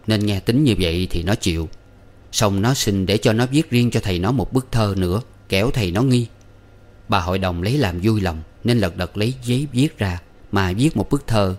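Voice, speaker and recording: A man reading a story aloud as narrator in a steady, even manner. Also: lowish voice. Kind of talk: audiobook narration.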